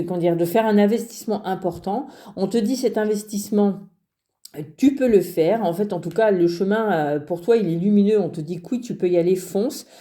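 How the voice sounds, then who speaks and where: A woman giving a casual card reading to her viewers, talking straight to them with many pauses and restarts. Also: mid-range voice, dark tone. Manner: hesitant, many fillers and restarts, addresses viewer directly. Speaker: card reader. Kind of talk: casual spoken tarot reading.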